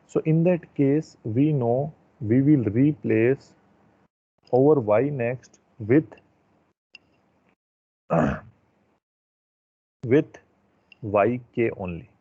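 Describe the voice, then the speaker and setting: A man with an Indian accent, a teacher giving an online class, explaining slowly and checking in often, heard through a thin, phone-like headset mic. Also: mid-range voice, no echo. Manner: slow, drawn-out explaining with frequent check-ins.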